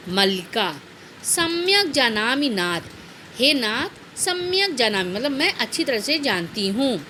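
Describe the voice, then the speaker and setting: A woman's voice: high-pitched, sharp tone, a little hiss or hum. A woman teacher reading Sanskrit lines aloud and explaining each one to her students in Hindi. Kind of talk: line-by-line explanation of a Sanskrit text.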